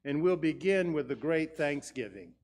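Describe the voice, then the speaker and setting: A man speaking as a pastor leading a church service, measured and solemn in his delivery of announcements and liturgy. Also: fairly high pitch, expressive, darkish tone. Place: church sanctuary.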